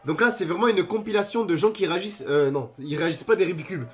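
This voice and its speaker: A young man giving excited reaction commentary on videos, joking and exclaiming in disbelief. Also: sits high, fast.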